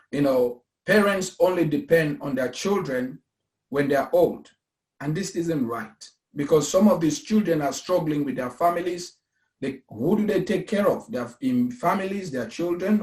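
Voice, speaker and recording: Speaking in a fairly high but darkish-toned voice, a man from Cameroon in his thirties who founded an investment company delivers a casual pitch. Earnest about pensions and investing, he hammers his points home like a preacher, and the room echoes.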